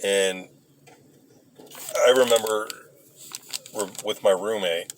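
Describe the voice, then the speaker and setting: A man casually rambling through old memories, halting and hesitant as he searches for details. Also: lowish voice, steady tone. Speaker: vlogger recounting memories. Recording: noisy, with vehicle and ambient sound.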